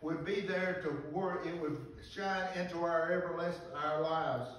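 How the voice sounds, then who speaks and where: An older man giving a sermon from a church pulpit, reading scripture and preaching earnestly, with slow pauses and restarts, recorded from the pews. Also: fairly high pitch, fairly even intonation, fairly bright tone, a little hiss or hum. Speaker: pastor. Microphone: far camera in the pews. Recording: echoey church from far off.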